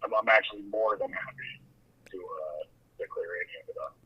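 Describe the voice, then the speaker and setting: A man's voice: fairly low pitch, a little fast, breathy edge. A man on a muffled car hands-free phone call. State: driving while talking. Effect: phone call over a car hands-free speaker. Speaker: card seller being questioned. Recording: muffled, distant phone line.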